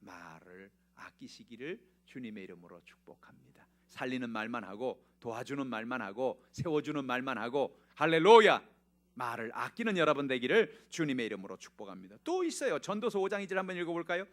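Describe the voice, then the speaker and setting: A male pastor preaching a Sunday sermon, swinging from loud exclamations to hushed whispers and calling out hallelujah again and again. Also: medium pitch, very animated, a little fast. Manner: punctuates with repeated hallelujahs.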